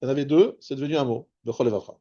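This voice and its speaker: A man, a rabbi, teaching a spoken Torah lesson, explaining patiently and slowing down on Hebrew terms. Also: medium pitch, warm tone, muffled recording. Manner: explanatory, repeats and restarts words, stresses Hebrew terms slowly.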